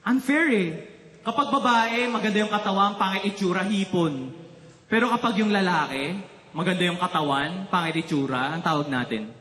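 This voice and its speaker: This is a stand-up routine by a man from the Philippines, whose high-sitting voice moves at a normal speed in roomy-sounding audio. He tells his stories with animation and teases the audience along the way.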